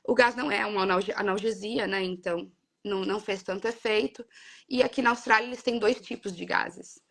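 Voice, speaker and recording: A woman's voice: mid-range voice, fairly even intonation, fairly quick, gravelly. A young adult woman, earnestly recounting a personal story in casual conversation. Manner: earnest, emotional retelling with many quoted exchanges. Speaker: guest sharing her birth story.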